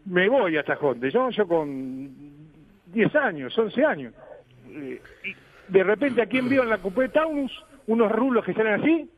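A man with a Rioplatense accent, co-hosting a comic radio show and telling stories in halting bursts with many restarts. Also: high-pitched, sing-song, narrow, tinny audio. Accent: Rioplatense Spanish. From Buenos Aires, Argentina. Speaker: radio co-host.

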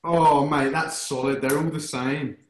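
A man's voice: a little high, flat delivery, measured pace, roomy sound. A man taking part in a quiz among friends, sheepish and self-mocking. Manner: sheepish, apologetic, laughing. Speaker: quiz contestant. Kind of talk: casual chat among friends.

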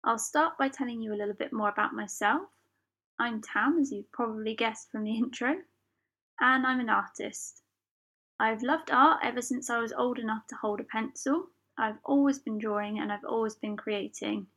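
A woman's voice: fairly high pitch, normal speed, fairly bright tone. A woman hosting her own podcast, talking in a chatty, personal way with small fillers and the odd laugh. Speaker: podcast host. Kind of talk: solo podcast monologue.

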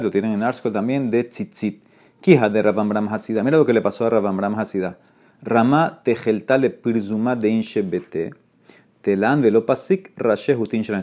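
Lively man teaching a Talmud class. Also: fairly low pitch. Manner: lively, rising sharply when quoting rabbis; mixes Spanish with Hebrew and Aramaic terms. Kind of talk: Talmud class explaining Gemara.

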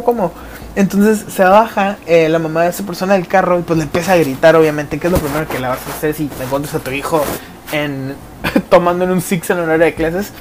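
A young man with a Mexican accent, hosting a solo podcast and telling a story in casual, slangy speech with lively quoted asides. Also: on the high side, slight background noise. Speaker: podcast host.

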